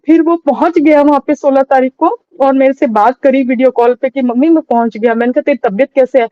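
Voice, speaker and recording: A middle-aged woman recounting a painful loss as an interview guest, in a halting, sorrowful way with many restarts. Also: high-pitched, dry recording, phone-quality sound. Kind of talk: emotional personal testimony.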